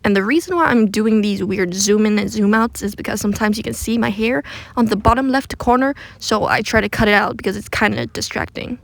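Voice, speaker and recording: Her medium-pitched voice carries vocal fry and moves fairly quickly in a dry recording. She narrates a DIY craft attempt from under a blanket, close and muffled, joking casually at her own expense.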